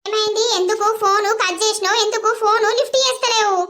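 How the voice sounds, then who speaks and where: A woman's voice: very high voice, steady tone, fast talker, pushed and bright. A woman voicing an obsessive, scheming village woman in a cartoon comedy, clingy and threatening, with a Telangana accent. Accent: Telangana Telugu.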